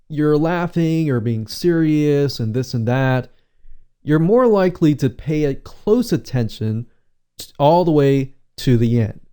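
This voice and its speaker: A man coaching on webinars in a relaxed, conversational teaching tone, often repeating his points and asking rhetorical questions. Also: fairly high pitch, clear, resonant tone. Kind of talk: instructional talk.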